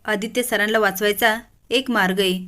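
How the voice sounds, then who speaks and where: A woman's voice: medium pitch, fairly even intonation, moderate pace, pushed and bright, close to an everyday voice. A woman voicing an earnest young village woman, urgent and eager.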